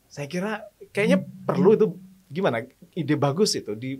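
A man's voice: on the high side, lively intonation, normal speed, a crowd in the background. A man hosting a studio interview, chatting casually and humming along as his guests speak. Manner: frequent short backchannel hums and laughs. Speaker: host.

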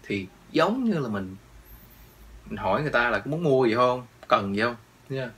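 A man's voice: mid-range voice, sing-song, moderate pace, a bit bright, low-quality recording. A man teaching English pronunciation, patiently repeating each word several times and explaining in between. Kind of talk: pronunciation lesson, repeating words slowly.

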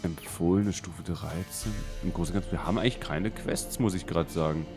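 A man gives casual gaming commentary, often muttering to himself as he plays. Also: a little fast. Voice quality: deep voice. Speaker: let's play host. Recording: game music behind the voice. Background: video game music.

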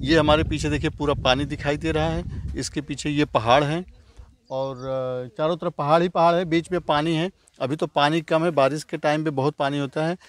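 A man from India in his forties narrates his motorbike trip for his viewers, eager and chatty. He talks into a camera mic outdoors, and wind and road noise sit clearly behind his voice. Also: fairly high pitch, steady tone, normal speed. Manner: enthusiastic, addresses viewers as guys. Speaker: motovlogger. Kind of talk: casual travel vlog narration. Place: outdoors by a lake, on a motorbike ride.

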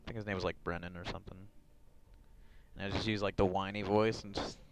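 A man's voice: deep voice, steady tone, quick pace, slight background noise, poor audio. A man streaming, rambling casually with lots of fillers and chuckles into a headset mic.

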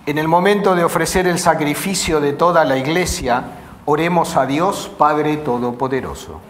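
A priest in his forties reciting the prayers of Mass in a solemn, measured way, with a lapel mic in a small chapel. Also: on the high side, animated, a little hiss or hum. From Uruguay. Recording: echoey chapel.

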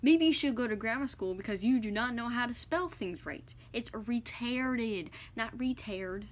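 A woman's voice: on the high side, lively intonation, moderate pace, a little hiss or hum. A woman vlogger reading comments aloud and firing back with sarcastic, indignant comebacks. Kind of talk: casual chat.

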